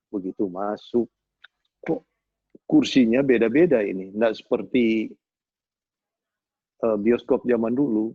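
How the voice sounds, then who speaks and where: A middle-aged man giving a Bible study talk, telling homely stories in a folksy, animated way with sound effects. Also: lowish voice, breathy edge, no echo. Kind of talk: sermon with storytelling. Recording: tinny phone-like sound.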